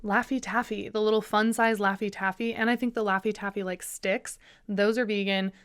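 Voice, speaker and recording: A woman's voice: mid-range voice, fairly even intonation, normal speed, clean tone. A young woman hosting a solo podcast, talking in a chatty, bubbly way with lots of asides. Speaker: podcast host. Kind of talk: casual solo podcast chat.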